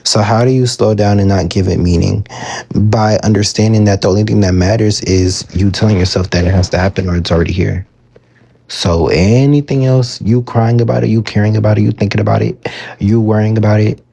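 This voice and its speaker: A man with a lowish, gravelly, mellow voice and a breathy edge speaks fairly quickly with fairly even intonation. Talking into a phone on a live stream, he gives casual manifestation advice, reading viewer comments aloud and answering them chattily, with plenty of fillers.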